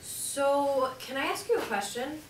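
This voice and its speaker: A woman plays a blunt young pregnant woman who teases and speaks her mind, her voice pitched a little high. She is heard from a distant mic in a reverberant room with steady background noise, like a stage play taped from the house. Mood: anxious. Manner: blunt, wry, quick to tease. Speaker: stage actor. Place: theater stage. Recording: echoey room, far-off mic, noisy.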